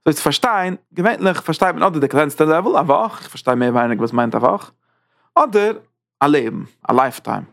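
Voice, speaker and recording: A man's voice: fairly high pitch, animated, brisk, gravelly, fairly bright tone, no echo, studio quality. A man giving a spoken Torah lecture who often restarts and repeats phrases as he explains. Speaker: Torah teacher.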